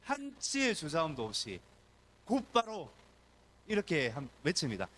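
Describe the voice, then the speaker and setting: Male pastor, sermon, slightly high voice, animated delivery. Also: a little slow, slight background noise. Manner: animated preaching, acts out crowd and beggar voices. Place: church service.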